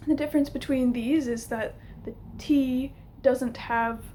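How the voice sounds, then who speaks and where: A young adult woman with a slightly high voice talks through an informal lesson to camera. She explains step by step, a little hesitantly. The home recording has some noise behind her. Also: fairly even intonation, a little slow, warm tone. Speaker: linguistics teacher. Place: small room at home, indoors.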